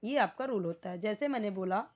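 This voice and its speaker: A woman's voice: medium pitch, lively intonation, brisk, lo-fi sound. A woman teaching spoken English grammar, explaining each word and phrase step by step, with frequent repetition and questions to viewers. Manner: explains word by word, repeats terms, asks viewers to comment.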